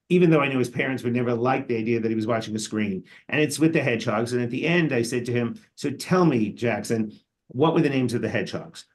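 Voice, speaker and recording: An older man tells a story on a discussion panel. He talks in a chatty, rambling way, with fillers and restarts. His voice sits at an ordinary middle pitch.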